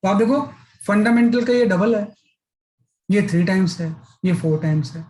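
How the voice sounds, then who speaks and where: A man's voice: sits high, moderate pace, a little mellow, rough recording. Man, physics teacher, classroom lecture, explains step by step, frequent check-ins. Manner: explains step by step, repeats filler "है ना".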